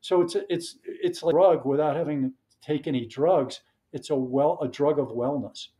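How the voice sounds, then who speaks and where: A man speaking as a wellness coach and podcast guest, giving advice in a measured way and listing points one by one. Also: on the high side, mellow.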